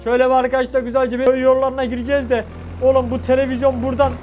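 A young Turkish man commenting casually on a driving game, excitable and mock-lamenting, cursing often. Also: very high-pitched, racing, music in the background. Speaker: gaming channel host.

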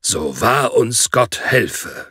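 A man voicing a brisk, rash male detective who speaks low and with mock solemnity, in an audiobook. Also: big pitch swings, husky, no room sound, clean studio sound, full character voice. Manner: over-solemn, hasty.

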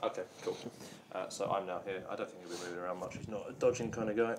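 A man's voice: low voice, steady tone, fast talker. A man chatting casually as he plays a tabletop game in a studio. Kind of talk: casual chat during play. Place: indoor studio at gaming table. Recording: clear background noise, table clicks.

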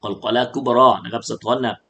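Teaching tajweed, a Thai man chants verses of the Quran, then patiently goes over pronunciation and repeats syllables for students. His mid-range voice is level, sharp, and quick, with vocal fry.

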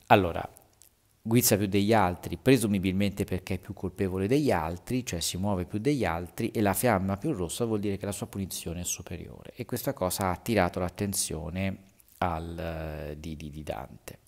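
A man teaching a literature lesson, going over homework answers in a deep voice with a gravelly edge. He explains in a halting way and slows down to read verses with extra weight. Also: darkish tone. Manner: halting explanation, reads verses slowly with raised emphasis.

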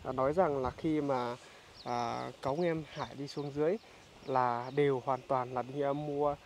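Male vlogger, mid-pitched, hesitant filler-heavy delivery, outdoor village interview, faint background noise. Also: steady tone. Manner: halting, full of filler sounds. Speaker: vlogger visiting a poor family. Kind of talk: casual on-location interview.

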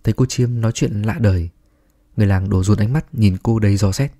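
Male ghost-story narrator, husky and grave, steady scripted read. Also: lowish voice, a little fast. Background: faint music.

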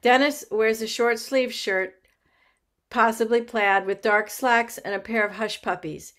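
A woman reading the stage directions aloud at a play reading in a measured way. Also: on the high side, steady tone, a bit bright.

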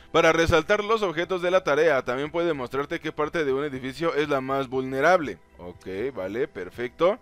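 A man with a Mexican Spanish accent talks through a video game in casual, profane commentary. His voice sits somewhat high and sounds close and dry. He swings between calm mumbling and excited outbursts. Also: no echo. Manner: excitable, profane, reads on-screen text aloud. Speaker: gaming YouTuber. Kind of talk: gameplay commentary.

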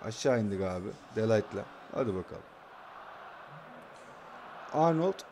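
A man's voice: lowish voice, expressive, measured pace, dark tone, slight background noise. A young man casually commentating his own football video game match, calling out passes and trash-talking his opponent.

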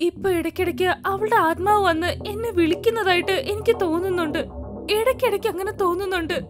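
A woman's voice: very high voice, fast. Woman voicing a scared young wife. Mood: anxious. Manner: fearful, pleading. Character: frightened young wife haunted by her friend's ghost. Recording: music behind voice.

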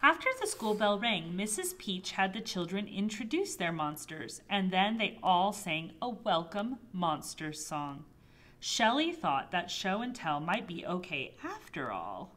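A woman librarian reading a picture book aloud to toddlers, gently and expressively. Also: lowish voice, unhurried, a little hiss or hum. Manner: gentle, expressive storybook reading with soft voices for characters. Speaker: children's librarian. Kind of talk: toddler storytime read-aloud.

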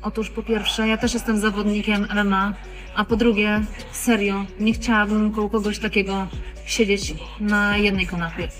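A woman's voice: medium pitch, little pitch movement, normal speed. Woman, 30s, indignant phone statement indoors, faint music underneath. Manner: indignant, emphatic. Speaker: social media commentator. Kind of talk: direct-to-camera statement. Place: indoors, restaurant. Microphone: phone at arm's length.

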